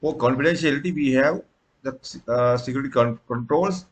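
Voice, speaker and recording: Speaking briskly in a mid-range voice, a Sri Lankan instructor whose native language is Sinhala delivers a recorded tutorial lecture. He often uses fillers and restarts his sentences.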